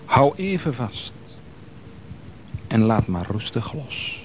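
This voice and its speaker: A man calmly leading a guided progressive muscle relaxation exercise, giving slow, soothing instructions. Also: medium pitch, slight background noise, low-quality recording.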